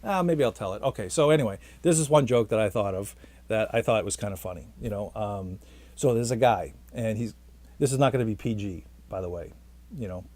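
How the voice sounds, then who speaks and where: A man's voice: on the low side, brisk, darkish tone, no echo. Rambling, hesitant man vlogging. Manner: rambling, hesitant, self-deprecating. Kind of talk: rambling casual monologue.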